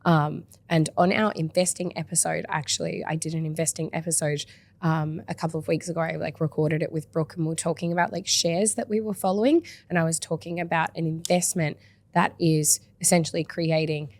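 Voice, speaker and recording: A woman hosting a casual podcast chat, enthusiastic and full of quick asides. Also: low voice, fairly even intonation. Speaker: podcast host.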